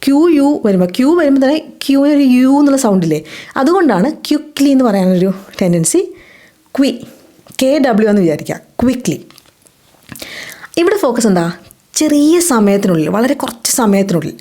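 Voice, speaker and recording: A woman with a Malayali accent teaching a spoken English lesson. She asks questions and answers them herself, and says the English example sentences slowly and clearly. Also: fairly high pitch, lively intonation, mellow.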